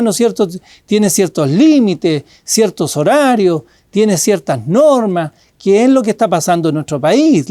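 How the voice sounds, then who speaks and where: A man with a Chilean Spanish accent preaching a sermon as pastor, animated and acting out a guard who shouts warnings. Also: high voice, no echo, clean studio sound.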